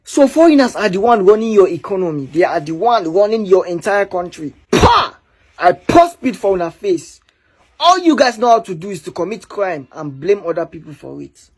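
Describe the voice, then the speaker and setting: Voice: medium pitch, big pitch swings, moderate pace, darkish tone, husky. A speaker delivering a taunting, mocking opinion monologue. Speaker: commentator.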